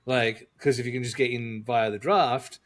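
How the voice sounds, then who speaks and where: A man co-hosting a podcast in a loose, jokey way. He thinks out loud and leans on fillers like "um" and "you know" as he works through his point. His voice sits at an ordinary middle pitch for a man. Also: fairly even intonation, normal speed. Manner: chatty and jokey, thinking aloud with frequent fillers. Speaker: podcast co-host. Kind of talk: casual podcast chat.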